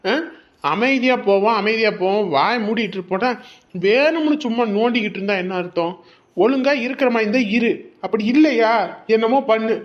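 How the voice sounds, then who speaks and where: A man's voice: very high voice, muffled recording. An actor playing a stubborn young husband who lectures his wife and turns harsh, in a family drama. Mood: angry scolding. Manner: lecturing, repeats himself, grows harsh. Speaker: husband leaving home for work. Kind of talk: Tamil family drama acting.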